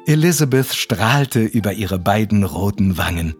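A man narrating a radio play in a lively storytelling manner. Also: on the low side, a little slow, soft background music. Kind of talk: scripted narration.

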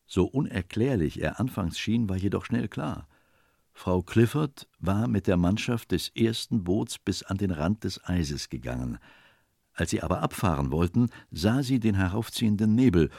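A man reading an adventure novel aloud as an audiobook narrator, in a measured, even storytelling manner. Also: sits low, gravelly, breathy edge, no room sound, clean studio sound.

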